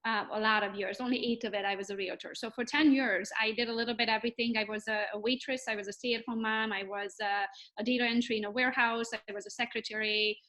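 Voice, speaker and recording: Lively Romanian-born woman, fairly high voice. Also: fast talker, hardly any pauses, rough recording. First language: Hungarian. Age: 30s. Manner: lively, laughs often, speaks freely. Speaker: podcast guest, realtor. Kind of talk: casual interview chat.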